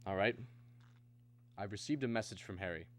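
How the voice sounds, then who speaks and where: An actor playing an anxious, earnest American family man in a mid-century radio drama, with hesitant, halting speech. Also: lowish voice, slight background noise, close to an everyday voice. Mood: guarded, resigned.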